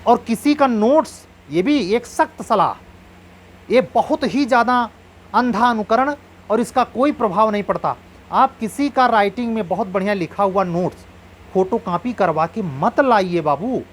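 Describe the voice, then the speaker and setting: A man's voice: sits high, lively intonation, moderate pace. A man coaching exam candidates in an earnest, advising lecture, drawing on proverbs.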